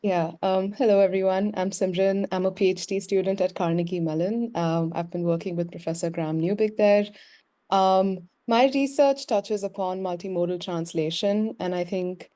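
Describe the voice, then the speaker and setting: A woman's voice: medium pitch, fairly even intonation, moderate pace, dark tone. A young woman PhD student introducing herself on a video call, with many hesitant fillers. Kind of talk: self-introduction.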